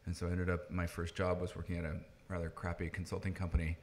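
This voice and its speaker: A Dutch-born tech founder in his thirties, a native Dutch speaker who moved to the US at nine, explains things conversationally as a podcast guest. His voice sits low, and he talks fast with a completely flat delivery.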